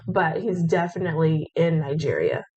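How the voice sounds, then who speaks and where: A woman with a somewhat low voice lays out the facts plainly and steadily. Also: moderate pace, a little mellow, breathy edge, rough recording. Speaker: scam investigator. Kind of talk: explanatory conversation.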